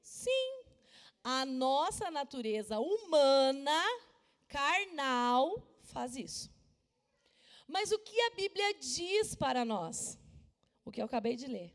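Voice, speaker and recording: A woman pastor from Brazil preaching a sermon and telling a personal story with emphatic, lively delivery, at times dropping to a soft voice. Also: sits high, slow. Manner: animated, emphatic storytelling, drops to soft voice for quotes. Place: church. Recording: long reverb of a church hall.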